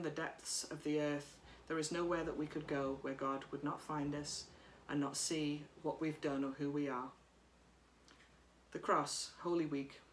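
A woman priest giving a sermon at home, speaking in a gentle, reflective way while reading from notes, recorded by a camera across a room. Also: deep voice, echoey room, a little hiss or hum. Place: living room by a bright window.

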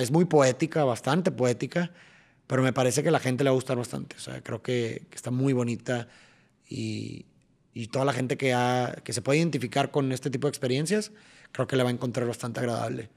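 A young man with a Mexican accent, a podcast guest explaining things in a casual, animated way, sometimes tapping out rhythms. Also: mid-range voice, normal speed, gravelly.

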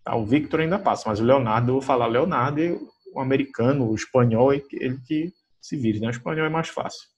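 Husky-voiced Brazilian man teaching English. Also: medium pitch, a little mellow. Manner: chatty, many fillers like "né" and "tá"; slows right down to read English example sentences. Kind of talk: recorded school lesson.

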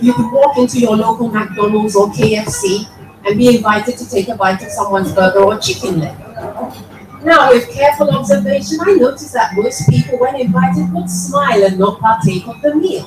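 A woman reading her own writing aloud to a live audience, lively and expressive, acting out the lines she quotes. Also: a little high, normal speed, noisy background. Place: event venue with an audience. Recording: echoey room from a distance, clear music behind.

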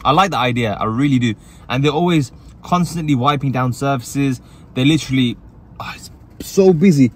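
Talking brisk and medium-pitched between bites, a man from England reviews food from his parked car. He's the chatty, upbeat host of a casual food review channel.

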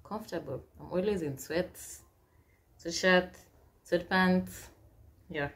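Seated at a plain wall in a small room, a young Kenyan YouTuber in her twenties hosts a casual Q&A vlog, chattily reading questions aloud and then answering them. She speaks slowly in a lowish voice with a Kenyan accent, weaving in Swahili phrases.

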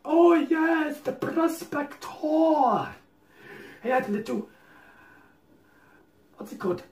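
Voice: high-pitched, lively intonation, slow pace, a little mellow. A performer voicing a gloating, theatrical villain showman in a fan audio drama. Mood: scheming. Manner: gloating, theatrical, wildly swooping delivery. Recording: roomy, distant home mic.

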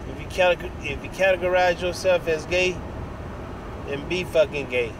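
A middle-aged American vlogger, voice a little high and speaking at normal speed, shares a casual, cuss-heavy, straight-talking opinion. He's in a vehicle cab, parked or moving, with his phone at arm's length. The recording picks up clear vehicle noise and a hum from the car and AC.

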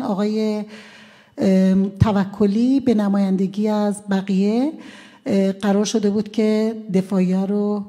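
A woman's voice: medium pitch, warm tone. A woman from Iran, a defense lawyer, recounting courtroom events at a press conference in a conversational way, with frequent hesitant fillers.

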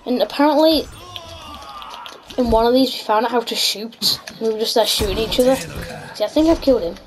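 Hosting a gaming video, a woman chats casually and reacts aloud to the gameplay. Her voice sits on the high side and moves a little fast. Music plays behind her, and there's background noise too.

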